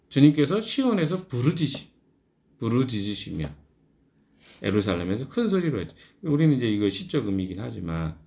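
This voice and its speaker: A man's voice: mid-range voice, gravelly, a little mellow. A middle-aged male pastor leading a morning devotional Bible study, talking conversationally and answering his own questions.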